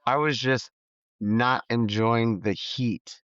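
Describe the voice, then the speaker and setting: Guy on a podcast chatting about his race, smooth voice, kinda muffled dry recording. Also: mid-range voice, slow pace, no room sound. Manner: relaxed storytelling with many "like" fillers. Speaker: podcast guest, ultrarunner. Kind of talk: casual interview chat. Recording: slightly dull, dry sound.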